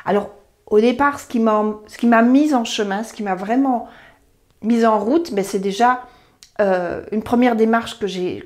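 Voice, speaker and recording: A woman near sixty speaks to camera about her own path as a therapist. She talks earnestly and rambles, circling back and correcting herself mid-sentence. Her voice sits at an ordinary middle pitch for a woman. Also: a little mellow. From Belgium. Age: 50s. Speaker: emotional therapy practitioner. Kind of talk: personal talk to camera.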